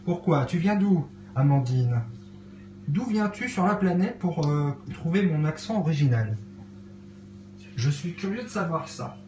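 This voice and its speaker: A man's voice: a little high, expressive, measured pace, darkish tone, a little hiss or hum. A man hosting a casual cooking live stream in his cluttered kitchen at home, hesitating often with fillers as he chats with viewers. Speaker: livestream host cooking. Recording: echoey home room.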